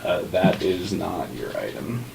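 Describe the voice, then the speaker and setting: A man's voice: sits low, lively intonation, unhurried, vocal fry, darkish tone, slight background noise. A man running a tabletop game as game master, narrating casually with a dryly joking manner. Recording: group room with chatter behind.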